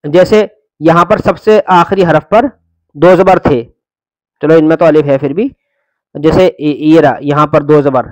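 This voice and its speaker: Male Quran reading teacher, high voice, dry close recording, spells syllables slowly and carefully. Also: a little mellow, no room sound. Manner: patient explaining, drawn-out syllable drills.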